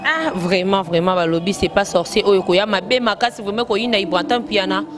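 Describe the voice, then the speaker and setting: A Congolese woman talking casually and emphatically, firing off quick questions. Her voice sits at a middle pitch. Music plays clearly behind her. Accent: Congolese French. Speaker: fan discussing rumba music. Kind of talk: casual chat mixing French and Lingala. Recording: loud music playing behind.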